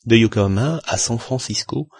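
A man reading an eager gentleman who briskly lists a travel timetable in an audiobook. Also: medium pitch, vocal fry, husky, no echo, studio quality. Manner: brisk, enumerating.

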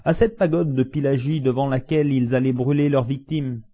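A man reading aloud and voicing an impatient, excitable young male servant who blurts out his words. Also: medium pitch, normal speed, husky, lo-fi sound. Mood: excited. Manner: impetuous, excitable.

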